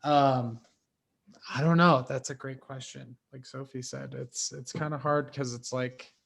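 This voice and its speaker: A man's voice: mid-range voice, fairly even intonation, a little slow, creaky. A man taking part in a video call, talking casually and hesitantly, searching for words.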